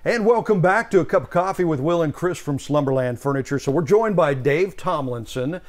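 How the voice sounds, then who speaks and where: A man's voice: a little high, expressive, fairly quick, soft background music. A man co-hosting a local morning talk show, chatting casually and interviewing a guest. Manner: conversational, with filler words.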